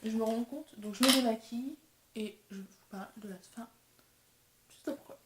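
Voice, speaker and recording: A woman's voice: a little high, normal speed, reverberant, heavy background noise. A young woman vlogger chatting casually and self-deprecatingly while testing makeup. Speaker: beauty vlogger. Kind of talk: casual chat.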